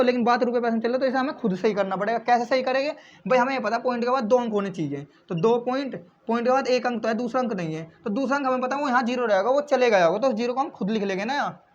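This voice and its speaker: A male maths teacher explaining step by step, asking questions and answering them himself, repeating key points and calling his viewers friends. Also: very high-pitched. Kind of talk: classroom-style maths explanation. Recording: slightly dull lo-fi recording.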